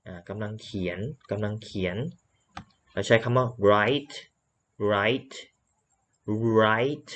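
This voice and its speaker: A man's voice: on the low side, normal speed. A man teaching English vocabulary, repeating words for drilling and explaining patiently. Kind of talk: slow classroom lesson.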